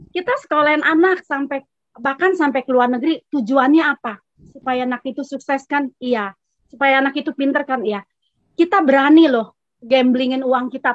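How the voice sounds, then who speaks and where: A woman's voice: high voice, no room sound, highs cut off. A woman from a church gathering telling a testimony in a chatty way, acting out both sides of a conversation. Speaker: congregation member giving testimony. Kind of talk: casual storytelling testimony.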